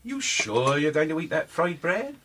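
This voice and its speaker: Gruff sarcastic police sergeant, radio drama, lively up-and-down delivery. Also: male voice, on the high side, moderate pace, a little hiss or hum. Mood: grumpy. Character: grumpy sarcastic middle-aged male police sergeant.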